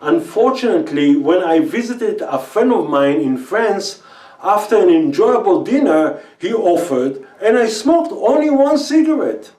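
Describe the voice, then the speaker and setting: A middle-aged man with an Israeli accent, a native Hebrew speaker, earnestly tells his own story of quitting smoking in slightly non-native English while pitching a quit-smoking program. His voice is high-pitched, sing-song and darkish at a measured pace, recorded roomily from some distance.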